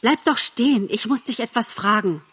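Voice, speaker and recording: A woman's voice: a little high, moderate pace, fairly bright tone, slightly rough, voice pushed up. A woman voicing a young male deer in love, pleading with breathless urgency in a storybook reading.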